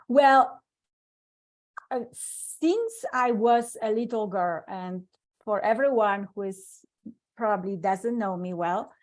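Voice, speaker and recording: A middle-aged Polish woman with a Polish accent tells her life story earnestly as an interview guest. Her mid-range, darkish voice moves slowly with frequent pauses, and she often restarts sentences and uses non-native grammar.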